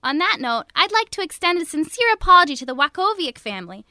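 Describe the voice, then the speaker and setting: Brief: actress as a quick, bright testimonial customer, high and lively, chirpy delivery. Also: female voice, no echo, clean studio sound, heavily acted. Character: satisfied female customer in a testimonial.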